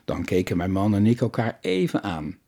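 A man voicing a lonely, grieving old widow who speaks gently and reflectively, in an audiobook story. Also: low voice, moderate pace, breathy edge. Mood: wistful.

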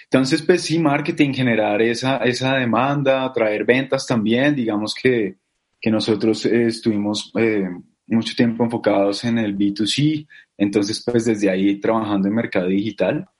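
A company co-founder appears as an interview guest, speaking casually and hesitantly with lots of fillers in a Bogotá Colombian Spanish accent. His voice is on the low side and husky, at normal speed.

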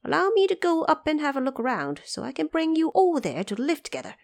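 A woman acts out an eager monkey king from a fantasy storybook. His pitch leaps about with lively swings, and he speaks like a courteous ruler who is used to command. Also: fast, gravelly, full character voice.

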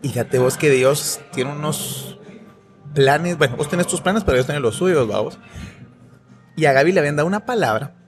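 A man's voice: a little high, normal speed, music in the background. A man with a Guatemalan accent, a university professor, telling a personal story in casual conversation, slangy and laughing often. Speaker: podcast guest, university professor.

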